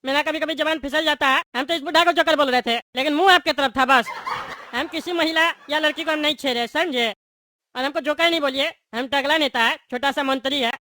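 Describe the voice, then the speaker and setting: Woman plays a high, quick, bright-voiced cowardly male politician who blusters then fawns. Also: no echo. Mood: fawning. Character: bald boastful male politician, cowardly in jail. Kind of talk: comedy sketch acting.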